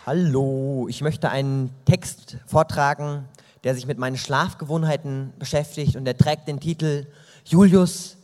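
A young man performing a comic slam text with deadpan dark humor. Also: medium pitch, unhurried. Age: young adult. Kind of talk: comic spoken-word performance. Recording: stage hall reverb.

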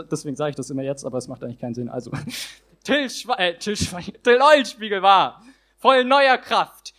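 Teen male slam poet, higher voice, rhythmic rhyming delivery. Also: fairly bright tone. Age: teens. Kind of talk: rhymed poetry slam performance.

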